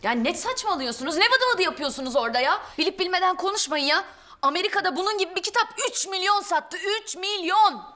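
A vain, indignant would-be author. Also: female voice, very high-pitched, animated, fast, pushed and bright, exaggerated voice. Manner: indignant, self-assured. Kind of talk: sitcom acting.

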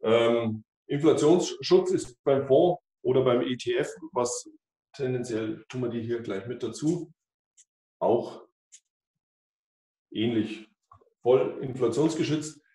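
A financial advisor in his fifties, with a dark, mid-range voice, presents slowly at a whiteboard in an office, pausing often and explaining with many fillers and restarts. The mic is far off and the office is echoey.

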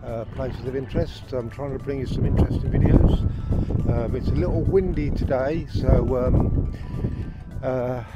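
A vlogger acting as walking tour guide narrates casually on a windy seaside path, rambling with lots of fillers into a handheld camera mic. His voice is medium-pitched at a normal speed, with the highs cut off, and wind noise mixes with background music.

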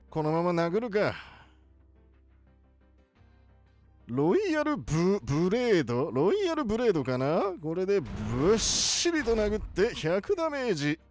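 A male gaming video host plays the character of a wise, elderly cartoon professor, an excitable old man gamer, while giving video game commentary. His voice is high and very animated, with playful exclamations over music, and the mood is playful yet focused.

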